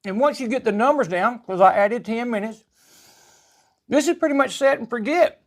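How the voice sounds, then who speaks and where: A home cooking vlog host with a Southern US accent talks in an extremely high, expressive voice at normal speed. He demonstrates home cooking casually, in a folksy, rambling, chatty style.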